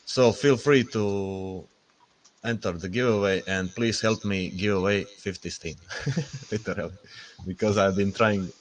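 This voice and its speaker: A man's voice: on the low side, fairly even intonation, measured pace, a little hiss or hum. A man speaking on a group voice chat, hesitant, with many fillers and small laughs. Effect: group voice chat audio. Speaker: participant presenting a post. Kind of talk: casual voice-chat talk.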